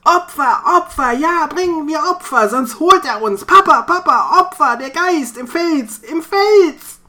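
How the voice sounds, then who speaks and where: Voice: high voice, animated, measured pace, pushed and bright, pitched above the performer's own voice, exaggerated voice. A narrator voicing a frantic young farmhand who shrieks and babbles the same words over and over. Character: frantic young male farmhand, half mad with fear.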